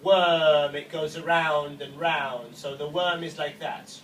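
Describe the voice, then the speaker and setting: A woman tutoring a child in phonics, patiently drilling the same sounds over and over. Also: sits low. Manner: slow, patient, repetitive drilling. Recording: echoey room, distant mic, steady background noise.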